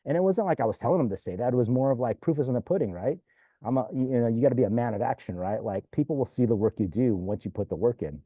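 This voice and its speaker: A man's voice: medium pitch, expressive, quick pace, dry recording. A man who is a former mayor, telling stories casually and rambling, with "you know" and "right?" scattered through his talk. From California. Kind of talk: casual storytelling. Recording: dry tinny phone-like line.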